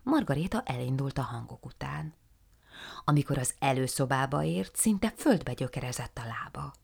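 Low, gravelly woman reading a story. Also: lively intonation. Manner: soft, hushed, half-whispered reading. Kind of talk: storybook narration.

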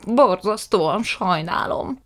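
A woman's voice: mid-range voice, lively intonation, a bit bright, voice pushed up. A woman reading an audiobook, voicing a flustered, apologetic middle-aged man who pleads hesitantly.

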